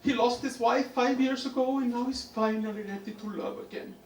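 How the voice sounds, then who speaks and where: A man's voice: extremely high pitch, fairly even intonation, a little fast, a little mellow, slight background noise, voice pushed up. A man voicing a chatty elderly woman who confides gossip. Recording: roomy live venue, distant mic.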